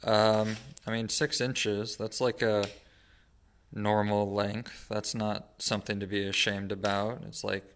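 A young man in his twenties hosting a gun channel, narrating a workshop project in a dry, deadpan comic voice. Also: lowish voice, a little slow, slight background noise. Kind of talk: deadpan comedic vlog narration. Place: workshop and backyard.

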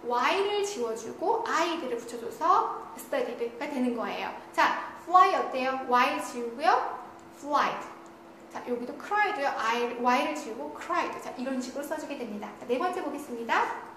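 Female grammar teacher with a high voice and a heavy room echo who asks and answers her own questions. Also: expressive, slow pace, fairly bright tone. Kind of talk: online grammar lecture. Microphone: studio lecture recording. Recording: very echoey room with faint noise.

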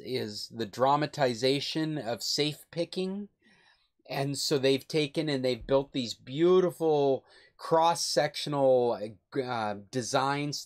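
Older guy on a video call, chatty and rambly, trips over his words a lot. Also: medium pitch. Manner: rambling, self-correcting, enthusiastic. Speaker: club host. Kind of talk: casual recommendation chat.

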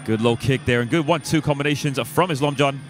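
A man's voice: medium pitch, fast, faint music behind. A man giving live sports commentary as a fight commentator.

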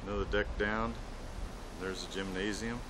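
A man's voice: fairly low pitch, fairly even intonation, moderate pace. A man casually narrating a home video tour of a cruise ship deck, speaking plainly into a camcorder mic outdoors. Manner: plain, matter-of-fact touring commentary. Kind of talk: casual narration while filming. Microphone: camcorder built-in mic. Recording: loud wind noise on camcorder mic. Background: wind and ship engine hum.

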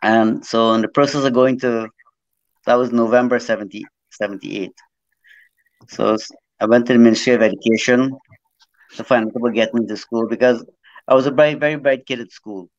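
Recounting his life as a guest over video call, this middle-aged man, once a jockey, born in Trinidad and raised in Guyana, wanders through the story and frequently repeats words. He talks fairly quickly at a medium pitch with fairly even intonation, no echo, and slightly dull sound.

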